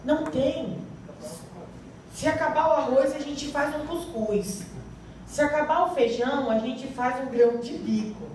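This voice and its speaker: Preaching in a church hall, a woman with a Brazilian Portuguese accent reads scripture and asks the congregation questions to draw out answers. Her voice sits high with a darkish tone at a measured pace, and the distant mic records heavy hall echo and faint hiss.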